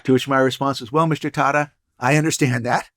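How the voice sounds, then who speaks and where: A man's voice: mid-range voice, fairly even intonation, quick pace, fairly bright tone. An older man, a guest entrepreneur and professor, telling stories in a casual interview with dry, punning humor. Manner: storytelling, wry and punning.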